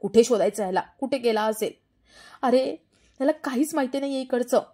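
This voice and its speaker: A stern old grandfather scolds a runaway boy in a loud, exasperated rush, as a woman reads his part in a storybook narration. The voice sits fairly high and gets quicker when he is upset. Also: lightly acted. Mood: scolding. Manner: scolding, exasperated, fast-talking. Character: stern, worried elderly grandfather, strict.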